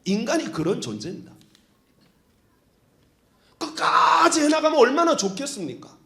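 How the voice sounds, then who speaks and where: A male pastor preaching a sermon, moving between shouted prayer and hushed whispers. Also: extremely high pitch, very animated, moderate pace, creaky. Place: church sanctuary. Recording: echoey church hall.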